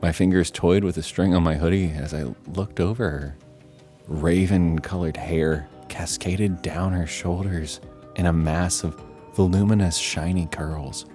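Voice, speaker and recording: A man with a deep, low voice narrates a horror story. He tells it in a wry, self-deprecating way, and faint music plays under him. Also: fairly even intonation, a little slow, mellow.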